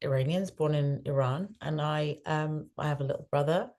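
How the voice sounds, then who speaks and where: A behaviour change specialist, a woman with a low, mellow voice, answers interview questions conversationally at normal speed. Her first language is Farsi, and she grew up between the US and the UK. She's thoughtful and corrects herself as she talks.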